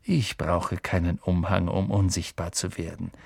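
A man reading as a gentle old wizard headmaster in a storybook. He speaks slowly and softly, sometimes dropping almost to a whisper, with a gravelly, husky edge. The tone stays kindly and wise. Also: medium pitch, big pitch swings, dry recording, studio quality, pitched above the performer's own voice, exaggerated voice. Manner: soft, unhurried, often near a whisper.

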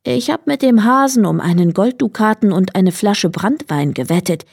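A woman's voice: mid-range voice, expressive, moderate pace, gravelly, a little mellow, no room sound, studio quality. A woman voicing a sly, clever male hedgehog in a read-aloud fairy tale, with a confident, cunning manner. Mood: scheming.

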